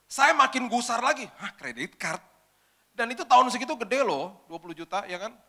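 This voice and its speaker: A male preacher tells a personal story from the pulpit and keeps acting out the conversation. His voice sits high and swings widely in pitch, with a bright, ringing edge. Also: a little fast, in a large hall. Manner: animated, acts out dialogue. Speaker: pastor. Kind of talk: storytelling sermon.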